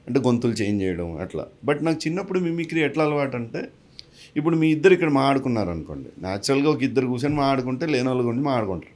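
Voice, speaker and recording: A man who works as a mimicry artist and actor, answering interview questions in a lively way and mixing English phrases into his talk. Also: mid-range voice, racing. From a village. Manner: animated, mixes English into his speech.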